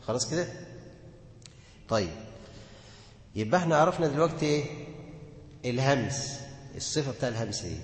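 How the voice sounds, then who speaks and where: Egyptian male teacher, mid pitch, quizzes the class, booming hall reverb. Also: expressive, a little fast, long pauses, a little hiss or hum. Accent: Egyptian Arabic. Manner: asks the class questions and answers them himself. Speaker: Quran recitation teacher. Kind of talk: classroom lesson on tajweed. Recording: echoey hall with long reverb.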